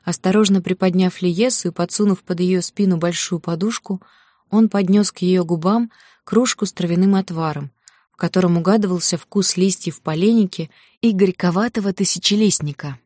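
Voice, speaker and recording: A woman narrating a fantasy novel in a calm, even storytelling manner. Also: on the low side, normal speed, no room sound, clean studio sound. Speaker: audiobook narrator. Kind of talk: scripted narration.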